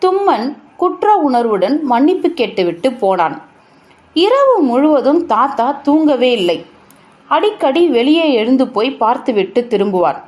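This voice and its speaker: Woman storyteller, high and animated voice, slow sorrowful short-story reading. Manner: unhurried, sorrowful storytelling with emphatic pauses.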